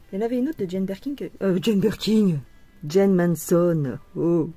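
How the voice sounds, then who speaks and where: A French woman vlogging her bead embroidery, singing along softly and chatting in asides. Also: fairly low pitch, unhurried, slightly rough, no room sound, faint music behind. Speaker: craft vlogger. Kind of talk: casual chat while bead embroidering.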